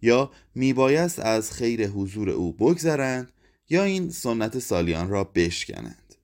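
A man narrating a literary short story in a measured, even reading voice. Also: mid-range voice. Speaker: audiobook narrator. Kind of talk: scripted narration.

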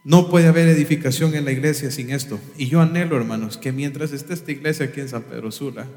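A man's voice: mid-range voice, quick pace, a little mellow. A man preaching a sermon from the pulpit, emphatic and full of rhetorical questions. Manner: emphatic, rhetorical questions, imitates instrument sounds. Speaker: pastor. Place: church sanctuary. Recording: echoey hall, reverb.

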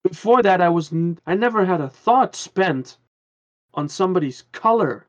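A man's voice: sits high, lively intonation, moderate pace, muffled recording. A man from the Caribbean, a guest on a podcast, talking in an earnest, rambling way with many restarts. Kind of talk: casual podcast conversation.

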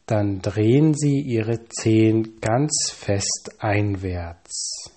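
Slow, husky-voiced man guiding relaxation. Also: on the low side. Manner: calm, measured instructions with long pauses and slow counting. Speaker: relaxation guide. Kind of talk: scripted guided relaxation.

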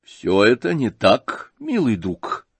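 A man's voice: medium pitch, wildly swooping pitch, takes it slowly, vocal fry, breathy edge, no echo, heavily acted. A male reader voicing a flustered, stammering elderly general in an audiobook. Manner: stammering, agitated.

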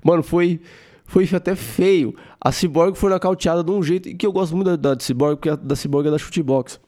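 A man with a Brazilian Portuguese accent hosting a podcast, talking in an animated, casual monologue, swearing and laughing often. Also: a little high, a little fast. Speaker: podcast host.

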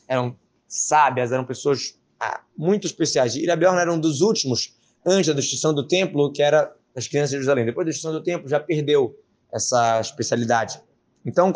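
A man giving a casual, lively Torah lesson, retelling a Talmud story with Hebrew terms and slang. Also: mid-range voice.

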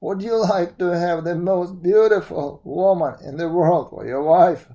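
A storyteller voicing a kindly old fairy woman in disguise, speaking slowly and solemnly. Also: medium pitch, dark tone, natural voice.

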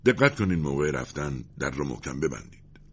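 A noble young commander who speaks calmly and firmly, as a man reads him. The voice is low and husky on a dull, lo-fi storybook recording. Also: exaggerated voice. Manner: calm, resolute.

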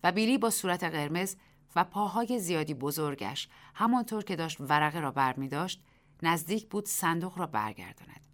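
A woman reading a short story aloud as the narrator of a radio program, measured and expressive. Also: on the low side.

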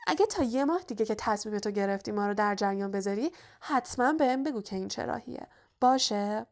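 A hot-headed young schoolboy wizard voiced by a woman reader talks in a high, mocking, indignant voice. He is loud and sarcastic in this audiobook. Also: lively intonation.

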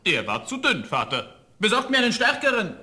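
An actor playing a huge young giant who is the son of a farmer, in a radio play, blunt and demanding. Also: male voice, sits high, huge pitch swings, brisk, background noise. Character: young male giant, huge, strong and always hungry.

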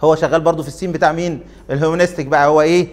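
A man with an Egyptian Arabic accent lectures to a class in a fairly high voice. He keeps tossing questions to the students and drags out his fillers while he thinks. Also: steady tone, rapid-fire. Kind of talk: interactive lecture.

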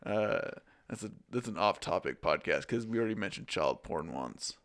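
A man on a podcast as a guest, talking casually with a dry, dark sense of humor. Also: sits low, lively intonation, moderate pace.

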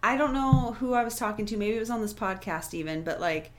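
A young adult woman co-hosting a podcast, telling stories in a chatty, animated way. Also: mid-range voice, brisk, noisy background. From Florida. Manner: chatty, animated storytelling with laughter. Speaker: podcast co-host. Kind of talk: casual chat.

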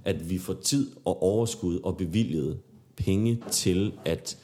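A Danish-accented man with a lowish, relaxed, dark voice. He chats as a podcast co-host, candid and informal, wandering through his sentences and swearing now and then. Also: slight background noise. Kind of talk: casual podcast chat.

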